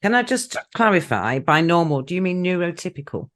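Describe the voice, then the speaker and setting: A woman hosts a podcast interview. She asks gentle, clarifying questions and keeps her guest on track. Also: fairly low pitch, sing-song, brisk. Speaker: podcast host.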